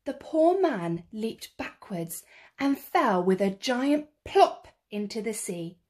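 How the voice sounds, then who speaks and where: A woman reading a children's picture book aloud in an expressive, theatrical way, drawing out the action words. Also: a little high, takes it slowly. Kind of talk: expressive read-aloud storytelling.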